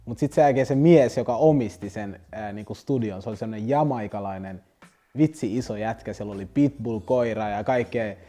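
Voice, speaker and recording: A man's voice: on the low side, warm tone. A young man, a rapper telling stories in a loose, rambling interview. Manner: loose, rambling slang-heavy telling with restarts. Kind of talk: casual storytelling interview.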